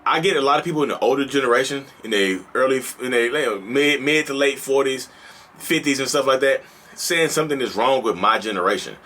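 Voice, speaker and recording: A man's voice: medium pitch, brisk, sharp tone, slight background noise. A man in his thirties hosting a vlog, talking casually and building into passionate, repeated rhetorical questions. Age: 30s. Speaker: host.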